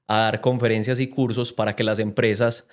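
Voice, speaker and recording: A man's voice: fairly low pitch, level tone, brisk. A young man with a Medellín Colombian accent, a podcast guest who talks about his life in an earnest, reflective way. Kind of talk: casual interview chat.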